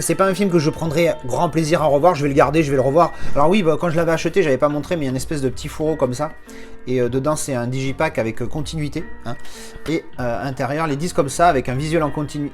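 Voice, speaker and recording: A man with a French accent and a fairly high-pitched voice reviews a film and its Blu-ray in a casual, rambling way. He fills the talk with fillers, restarts, and chatty asides to the viewer.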